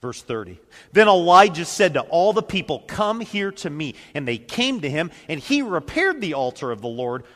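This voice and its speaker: A man preaching a sermon, reading scripture with dramatic commentary and sudden shifts between loud and soft. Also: fairly high pitch. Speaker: pastor. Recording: long reverb of a large hall.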